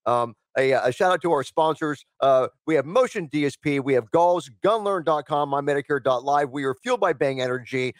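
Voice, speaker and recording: A man's voice: fairly high pitch, a little fast, few pauses, no echo. Male radio host, rambling, reads news, filler-heavy, dry studio sound. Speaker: talk show host. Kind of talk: live radio talk show hosting. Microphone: studio microphone.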